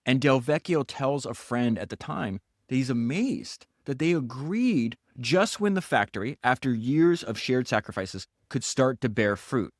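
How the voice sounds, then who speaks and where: Animated man retelling a biography. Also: mid-range voice, no echo, clean studio sound. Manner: animated, acts out quotes in character; fast bursts with stammered restarts. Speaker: podcast host. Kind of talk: solo podcast narration retelling a biography.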